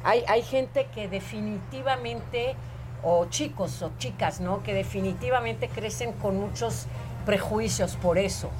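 A woman in her sixties, an actress, telling stories about her life in a lively, drawn-out way. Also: medium pitch, background noise. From Portugal, raised in Israel. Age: 60s. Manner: animated, drawn-out storytelling, laughs easily. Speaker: actress, interview guest. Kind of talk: casual interview storytelling. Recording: music playing behind the voice.

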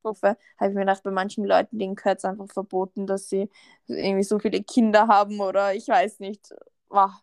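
A woman's voice: mid-range voice, level tone, fairly quick, gravelly, a little mellow, no room sound, clean studio sound. A young woman with an Austrian accent chatting casually as a podcast co-host, telling stories with many fillers and a note of indignation. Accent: Austrian German. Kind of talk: casual chat.

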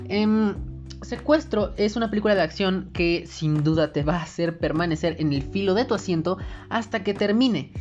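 A woman with a lowish, somewhat dark voice hosts a chatty, emphatic rundown of movie and series recommendations in a casual scripted review format, listing her picks. The lo-fi audio sounds dull and muffled, with music playing underneath.

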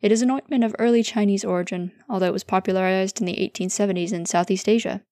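Woman reading formal male psychiatrist, precise, measured, gravelly, dry. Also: medium pitch, steady tone, warm tone, no echo, lightly acted.

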